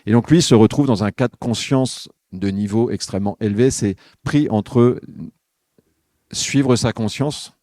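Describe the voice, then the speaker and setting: A man with a low, mellow voice gives a reflective homily. He talks with listeners in a conversational way. The sound is dry and close. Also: no room sound. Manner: conversational, addresses listeners directly. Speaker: podcast speaker on spiritual life.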